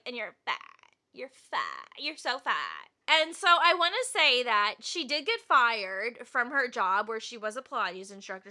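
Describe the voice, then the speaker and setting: Lively high-voiced woman ranting. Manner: exasperated, ranting. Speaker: reaction video host. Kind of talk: casual reaction commentary.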